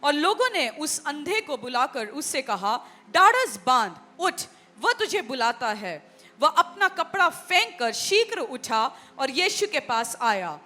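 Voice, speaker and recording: Female scripture reader, slow and lively in pitch, bright tone. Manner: measured, expressive reading. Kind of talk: reading a Bible passage aloud.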